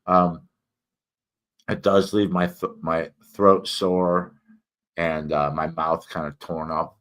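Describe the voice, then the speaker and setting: A man with a very deep but slightly bright voice casually hosts a rambling spoken review and personal update, sharing opinions and news in a flat delivery. His words come out a little thick from a swollen mouth. He's halting, repeating words and correcting himself often as he goes. He's a host, reviewer and writer.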